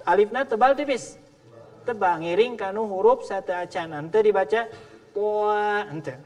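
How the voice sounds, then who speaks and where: High-voiced man teaching tajwid in hall. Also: moderate pace, darkish tone. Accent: Sundanese. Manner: patient, drills letter sounds, asks students to repeat. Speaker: Quran recitation teacher. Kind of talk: tajwid class with drills. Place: mosque hall, indoors. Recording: long reverb of a large hall.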